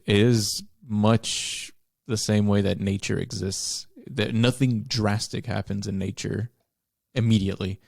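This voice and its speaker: A man in a casual book discussion, circling his ideas with likes and restarts. His voice sits low with a gravelly creak. The recording is dry and close, with no room echo. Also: darkish tone. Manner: searching for words, many likes and restarts. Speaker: podcast co-host.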